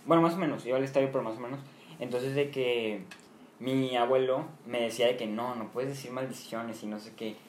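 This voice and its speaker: A young man, chatting casually and teasing his co-host with quick interjections. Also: medium pitch, steady tone, darkish tone. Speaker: podcast co-host. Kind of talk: casual chat. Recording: echoey room, faint background noise.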